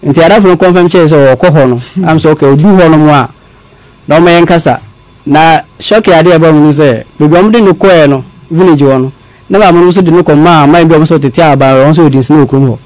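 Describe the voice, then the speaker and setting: Male guest from Ghana, halting storyteller, mixes English phrases, dry close sound. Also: a little high, a little mellow, dry recording. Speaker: guest telling his story. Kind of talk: confessional storytelling.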